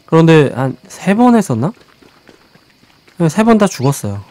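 A man with a fairly high voice gives chatty, live let's-play commentary on a survival game. He answers his viewers' questions and talks to the game's creatures as he plays. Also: very animated, normal speed, dark tone, no room sound. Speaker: game streamer.

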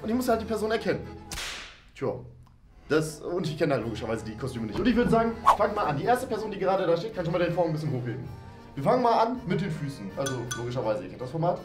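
A man in his twenties hosts a game video, thinking aloud as he plays, his voice on the high side with big pitch swings and a quick pace. He's in a small decorated indoor room with roomy echo and background music underneath.

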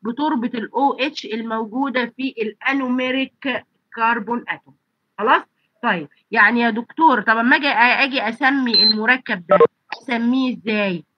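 A woman's voice: fairly high pitch, brisk, highs cut off. A woman lecturer with an Egyptian accent and a blocked nose and throat, teaching an online class and asking and answering her own questions. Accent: Egyptian Arabic. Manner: asks students rhetorical questions and answers them. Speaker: pharmacy college lecturer. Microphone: computer mic on a video call.

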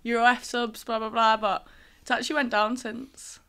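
A woman's voice: fairly high pitch, little pitch movement, moderate pace, a bit bright, clear, resonant tone. A woman in her twenties with a north-east English accent, chatting frankly and matter-of-factly as a podcast guest. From Durham, north-east England. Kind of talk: casual chat. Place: small podcast studio. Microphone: close desk microphone.

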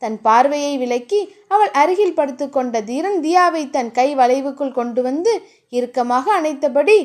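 Woman narrating a romance audiobook, high and lively, expressive. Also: moderate pace. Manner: expressive and animated.

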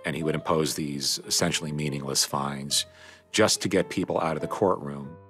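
A middle-aged American man giving articulate, deliberate commentary in a documentary interview. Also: extremely low pitch, fairly even intonation, fairly bright tone, soft background music. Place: dim indoor interview set, music behind.

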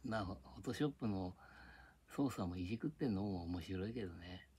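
Older man vlogging alone at home, low voice, chatty and grumbly, drifts topic to topic. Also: expressive, fairly quick, dark tone, husky. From Japan. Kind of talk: rambling casual monologue. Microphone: tablet microphone.

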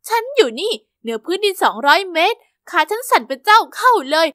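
Very high, bright female narrator. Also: a little fast, no room sound, clean studio sound. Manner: lively, expressive storytelling. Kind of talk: scripted first-person narration.

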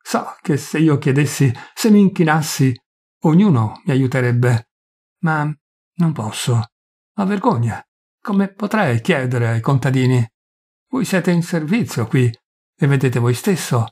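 A man's voice: mid-range voice, lively intonation, a little slow, a little mellow, husky. A man doing a poor, ashamed village priest. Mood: anguished. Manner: pleading, tormented, self-accusing.

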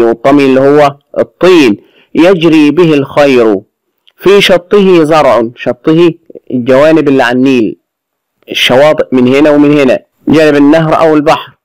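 A man with an Egyptian accent teaching a children's Arabic lesson, reciting verses slowly and explaining them in quick colloquial asides. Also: medium pitch, no echo, rough recording. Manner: asks the pupils questions and answers them himself.

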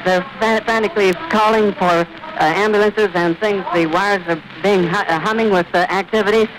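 A male radio reporter giving vivid, urgent live commentary outdoors at an airfield, pausing to catch his breath. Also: sits high, steady tone. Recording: old 1930s archive radio recording with hiss.

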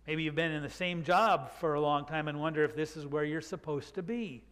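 A man's voice: on the high side, steady tone, a bit bright. Older man preaching in a reverberant church. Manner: reflective, unhurried, with drawn-out emphasis. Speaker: pastor. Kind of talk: sermon. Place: church sanctuary, speaking from the pulpit. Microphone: pulpit microphone.

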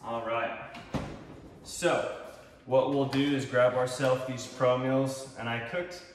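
A man's voice: mid-range voice, steady tone, slow pace, slight background noise. A young man with a Texan accent, chatting upbeat with many fillers as he walks through his fitness gear in a large home kitchen, filmed by a camera some distance away. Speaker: fitness vlogger. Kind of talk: casual product walkthrough. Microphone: far camera. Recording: roomy echo, voice from afar.

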